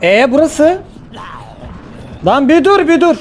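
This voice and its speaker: Excitable, high-voiced male gaming host. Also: slow, faint music behind. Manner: excitable, swearing, yelling at the game. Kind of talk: casual let's-play commentary.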